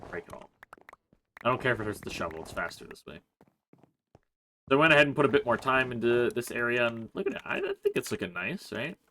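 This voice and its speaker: A man hosting a Let's Play, chatting through his gameplay in a relaxed, rambling way, thinking aloud with plenty of "uh" and "like". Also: medium pitch, a little hiss or hum. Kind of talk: casual gameplay commentary.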